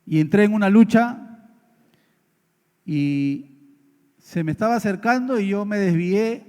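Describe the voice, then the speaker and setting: A man's voice: high voice, a little slow, a little mellow. A man preaching a sermon, telling a story earnestly and speaking straight to the congregation. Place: church hall. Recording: long church reverb.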